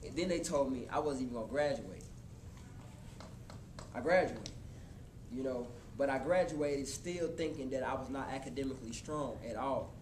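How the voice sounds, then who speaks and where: A man in his twenties giving a motivational talk to a live college audience, casual and animated, speaking straight to the crowd. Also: mid-range voice, moderate pace, long pauses. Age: 20s. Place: college hall before an audience. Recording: echoey hall with room noise.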